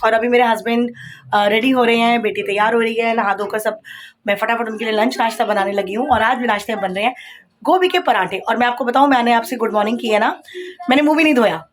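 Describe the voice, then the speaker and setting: A woman's voice: fairly high pitch, fast. A woman in her thirties chatting casually at home in a daily vlog, mixing English words into her talk as she cooks and works. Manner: raises her voice over a barking dog. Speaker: vlogger. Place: home kitchen and rooms. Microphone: phone held while she works.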